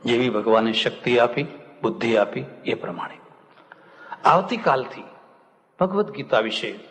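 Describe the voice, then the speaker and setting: A man's voice: medium pitch, animated, moderate pace, fairly bright tone. An older man, a swami, giving a religious discourse full of anecdotes and acting out the people he quotes with humor. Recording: long hall reverb, dull lo-fi sound.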